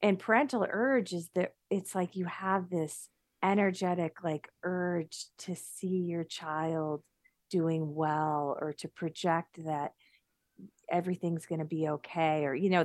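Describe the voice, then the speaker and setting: Middle-aged woman guest, earnest and animated, kinda low voice, dry sound, chatting on a call. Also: unhurried, no echo. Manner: earnest, animated, many restarts. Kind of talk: conversational interview. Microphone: remote call.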